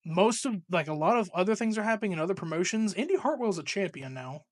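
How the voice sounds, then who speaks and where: A man's voice: high-pitched, animated, quick pace, no room sound, studio quality. Laughing casual man co-hosting a podcast. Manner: laughing, loose and profane. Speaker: podcast co-host. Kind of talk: casual chat.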